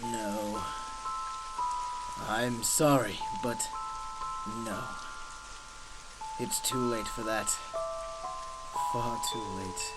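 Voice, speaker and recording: An actor playing a manic, mocking supervillain clown in a radio drama, theatrical and halting, prone to giggles. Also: male voice, fairly low pitch, steady tone, rough recording. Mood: regretful. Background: music.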